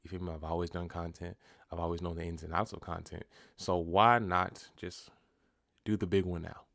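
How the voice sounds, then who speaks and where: A young man talking casually to camera at home in a vlog, a little out of breath, with a relaxed, slangy, rambling delivery. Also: low-pitched, moderate pace, vocal fry. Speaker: vlogger. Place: indoors at home.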